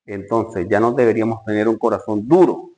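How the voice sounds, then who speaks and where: A man's voice: fairly low pitch, a little fast, mellow. A man preaching a Bible study sermon, emphatic, asking rhetorical questions and rising sharply when he reads scripture. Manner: addresses listeners directly, rhetorical questions.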